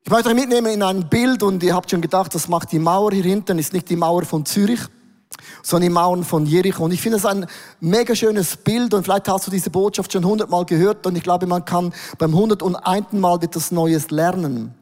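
Guy preaching hard, pretty high voice, big reverb from the church hall. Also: a little fast. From Switzerland. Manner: emphatic, declaring, voice swelling louder. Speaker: worship leader. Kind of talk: sermon.

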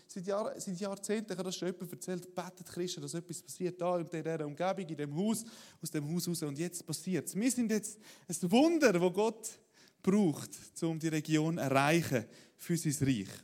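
A man preaching a sermon in a lively, conversational way, often asking "oder?". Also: high-pitched, normal speed. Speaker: pastor.

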